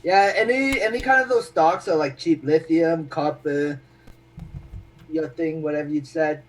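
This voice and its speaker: High husky man, distant from the mic. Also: a little slow. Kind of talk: casual stock-market chat on a live stream.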